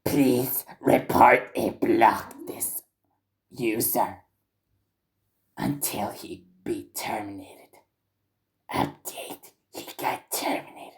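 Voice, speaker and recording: Mocking a woman reading an exposé aloud, the man stumbles over the words in a breathy half-whisper. His voice sits on the low side, with drawn-out words and long pauses.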